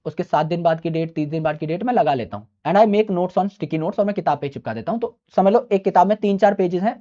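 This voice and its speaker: A man's voice: sits high, dark tone. Chatty male teacher, dull lo-fi sound. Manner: chatty and emphatic, repeats key points, addresses listeners as brother. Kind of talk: informal study-advice lecture.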